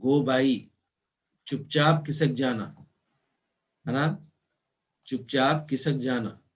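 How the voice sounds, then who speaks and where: Slow, patient male teacher. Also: medium pitch. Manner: slow and explanatory, spells words out letter by letter; mixes Hindi with English terms. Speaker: law teacher. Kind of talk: online class lecture.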